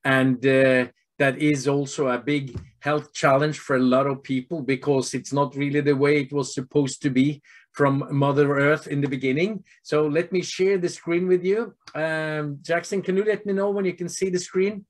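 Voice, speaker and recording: A Norwegian-accented man in his fifties talks doctors through a presentation over a video call. His voice sits a little high, and his delivery is earnest and steady, with many filler pauses between points. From Norway. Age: 50s. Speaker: health product presenter.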